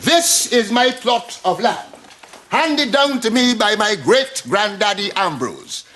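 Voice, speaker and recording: A man's voice: sits high, sing-song, slow pace, pushed and bright, a little hiss or hum, exaggerated voice. A middle-aged man with a Guyanese accent, bossy and fussy, giving instructions in a sitcom. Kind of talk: sitcom acting.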